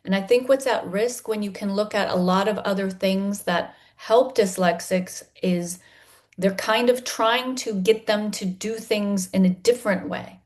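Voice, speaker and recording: A middle-aged woman, a dyslexia facilitator, explains her method on a video call, pausing often with ums and restarts. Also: medium pitch, a little mellow. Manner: hesitant, many ums and restarts.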